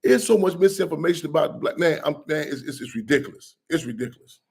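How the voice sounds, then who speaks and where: Fast, fired-up man talking in bursts. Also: a little high, lively intonation, vocal fry, a little mellow, a little hiss or hum. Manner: fast, passionate, repeats and restarts phrases. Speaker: activist guest. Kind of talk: passionate radio interview talk.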